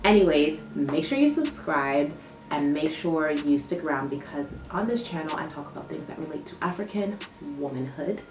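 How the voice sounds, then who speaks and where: Chatty woman, low voice, roomy echo. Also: animated, normal speed. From United States. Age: young adult. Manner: chatty, loose, restarts often, fillers like "like" and "um". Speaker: vlogger. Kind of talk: casual chat to camera. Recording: roomy echo, distant mic, background music.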